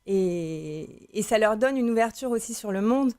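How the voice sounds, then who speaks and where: A woman, a mother of three, speaking as a guest in a television interview, lively and talkative with many fillers. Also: fairly high pitch, normal speed, no room sound, studio quality. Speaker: parent guest.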